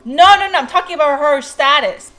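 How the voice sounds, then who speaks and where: A woman's voice: sits high, a little fast, a bit bright. A woman vlogger chatting casually while eating, rambling through a story and laughing easily. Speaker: mukbang vlogger.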